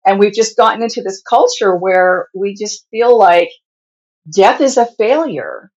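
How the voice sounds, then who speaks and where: Husky woman, plain spoken nurse explaining stuff in an interview, bit lo-fi sound. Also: mid-range voice, animated, measured pace, darkish tone. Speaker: hospice nurse guest. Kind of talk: conversational interview answers.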